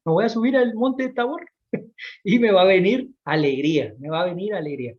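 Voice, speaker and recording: High-voiced preacher, lo-fi. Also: male voice, a little mellow. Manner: repeats phrases, calls out to listeners. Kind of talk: sermon.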